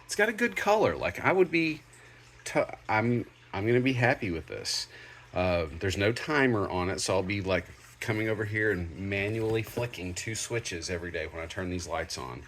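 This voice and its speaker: Deep-voiced man rambling casually. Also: animated, normal speed, fairly bright tone, a little hiss or hum. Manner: rambling, easygoing, with many fillers and self-corrections. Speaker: hobbyist fish keeper. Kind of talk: casual product first look. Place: home room with fish tubs under a shelf.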